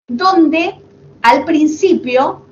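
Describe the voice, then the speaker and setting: A chatty woman hosts the conversation, spinning stories with fond little asides. Her voice sits fairly high. The recording is a bit dull, with a faint hiss underneath. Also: extremely slow. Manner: chatty, affectionate, animated storytelling with asides. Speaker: podcast host. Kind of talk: casual chat.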